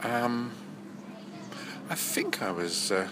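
Nasal from a cold, an older male actor and voice-over artist reminisces in an interview, rambling and correcting himself as he goes. His medium-pitched voice swings widely in pitch, he speaks very slowly, and the background is noisy.

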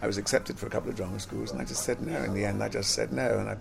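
An older man who grew up in London after being born in Jamaica, an actor and singer reminiscing in a relaxed interview, rambling and repeating words, often laughing. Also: lowish voice, racing, creaky.

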